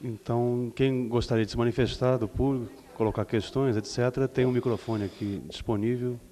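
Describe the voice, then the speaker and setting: A man chairing an academic seminar, opening the floor to audience questions in a relaxed, informal way. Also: medium pitch, a little fast. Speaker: session chair. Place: seminar hall.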